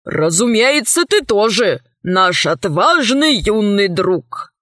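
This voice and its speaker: A woman voicing a thin, very old man who speaks calmly, kindly and modestly. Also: mid-range voice, slow, no room sound, clean studio sound. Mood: gentle. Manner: calm, kind, modest. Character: thin tall ancient old man, gentle scientist.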